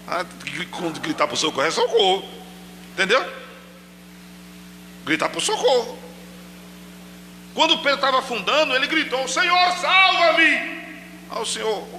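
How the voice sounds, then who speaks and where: A man's voice: high voice, in a large hall, a little hiss or hum. A man preaching a sermon in church on a microphone, talking straight to the congregation and acting out cries. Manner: animated preaching, addresses congregation directly, acts out shouted cries. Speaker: pastor. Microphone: handheld microphone.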